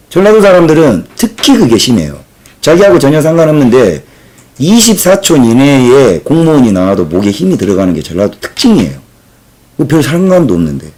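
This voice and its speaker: A man from Jeolla in South Korea who hosts his own channel, reading out viewer comments and giving emphatic political commentary. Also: slightly rough. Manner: opinionated, emphatic, lively pitch swings. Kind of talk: casual commentary.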